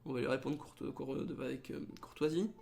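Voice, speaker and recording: A man's voice: medium pitch, steady tone, a little fast, creaky, darkish tone. A young man hosting a let's play in casual gaming commentary, reading the game text aloud and adding sarcastic, joking asides.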